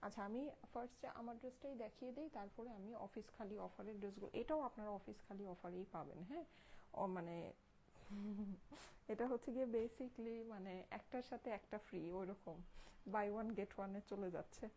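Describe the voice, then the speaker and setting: A young Bangladeshi woman talking quietly through a live online clothing sale, showing each dress and repeating her praise while her baby sleeps nearby. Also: medium pitch, brisk, slight background noise, poor audio. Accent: Bangladeshi Bengali. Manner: hushed so as not to wake a sleeping child. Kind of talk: Facebook live sales pitch.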